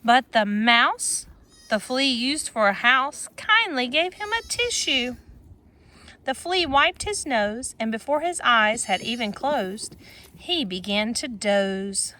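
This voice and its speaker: A woman on the high side takes her time reading a rhyming picture book to kids outdoors on a goat farm. Her delivery is sing-song and expressive, dotted with casual asides.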